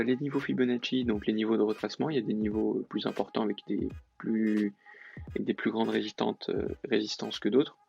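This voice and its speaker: A man's voice: mid-range voice, creaky, darkish tone, slightly rough, muffled recording. A man explaining a trading lesson in a casual, hesitant way, with many fillers and self-corrections. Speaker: trading tutor. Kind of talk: casual screen-recorded lesson.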